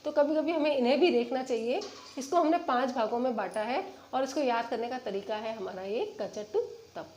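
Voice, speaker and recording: A woman teaching a lesson from a chart. She says the letters slowly one by one and asks her students questions, then answers them herself. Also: on the high side, darkish tone.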